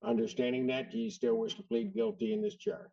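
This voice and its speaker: A man presiding as a judge, running formal court proceedings in a brisk, blunt, procedural way, heard on a courtroom recording. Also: high-pitched, expressive, vocal fry, mellow. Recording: distant, dull courtroom recording.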